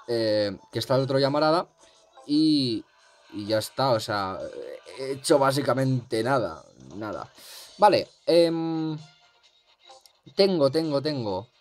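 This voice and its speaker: Chatty young gaming commentator. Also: male voice, mid-range voice. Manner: rambling, chatty, lots of fillers. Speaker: gaming youtuber. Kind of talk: casual gameplay commentary.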